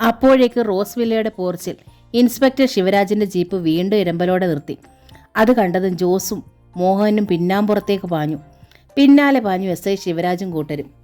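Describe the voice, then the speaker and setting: A woman narrating a serialized novel in a steady, measured storytelling voice. Her pitch is middling and unremarkable, and soft music runs faintly underneath.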